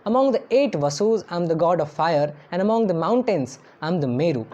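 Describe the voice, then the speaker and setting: औरत की धीमी आवाज़, श्लोक गा-गाकर पढ़ती है फिर अर्थ समझाती है, दबी सी lo-fi recording. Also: female voice, on the low side, animated, drawn-out words, dark tone. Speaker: scripture reciter and translator. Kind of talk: chanted verse recitation with read translation. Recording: dull lo-fi recording over faint instrumental music.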